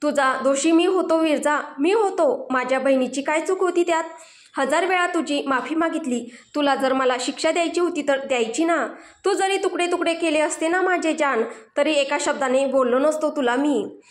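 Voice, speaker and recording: Woman voicing a raging vengeful young man. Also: high-pitched. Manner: shouting, accusing, vengeful. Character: enraged grieving young man, ruthless avenger. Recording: roomy echo.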